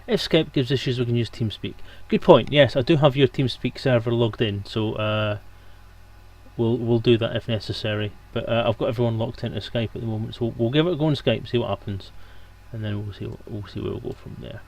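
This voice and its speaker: This livestream host uses a headset microphone and has a medium-pitched, slightly mellow voice. He talks fairly quickly, keeping the chat with his viewers informal, humorous and meandering.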